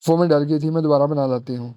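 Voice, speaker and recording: A man voicing a timid, innocent young wife in a storybook reading, hesitant and soft-spoken. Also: a little high, fairly even intonation, fast, clear, resonant tone, dry recording, muffled recording, natural voice.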